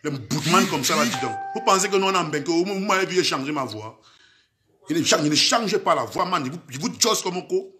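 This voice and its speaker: Cameroonian man, Camfranglais-laced French, high voice, menacing social-media rant in a roomy echo. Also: lively intonation, brisk, pushed and bright, slight background noise. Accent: Cameroonian French, mixing in Camfranglais. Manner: threatening, heated, keeps repeating "man" and "vrai".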